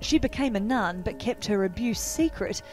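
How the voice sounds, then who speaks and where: A woman reporter narrates a news package in a measured, even voice at a middling pitch. Music plays clearly beneath her. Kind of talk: scripted news voice-over. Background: music bed.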